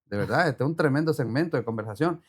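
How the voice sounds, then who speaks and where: This guest entrepreneur has a medium-pitched, slightly rough voice with lively intonation and a fast delivery. In his interview he speaks with earnest conviction, circling back to the same phrases and citing scripture in a relaxed but sermon-like way.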